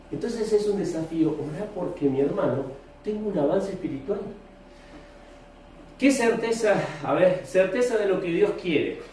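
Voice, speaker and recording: A man's voice: on the high side, dark tone. A man with a Rioplatense Spanish accent preaching a sermon as pastor, questioning his congregation. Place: church hall. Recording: echoey room, distant mic, faint noise.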